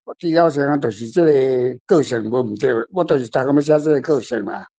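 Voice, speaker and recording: Speaking fast in a warm, medium-pitched voice, an older Taiwanese-accented man answers questions as a guest author. The literary talk is unscripted, and he rambles in a plain, emphatic manner, often repeating himself.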